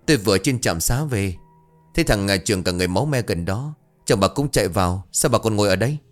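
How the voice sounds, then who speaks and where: A man's voice: fairly low pitch, animated, fast, faint music behind, close to an everyday voice. A man voicing a worried middle-aged village woman who calls out urgently to a neighbor. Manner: urgent, calling out loudly.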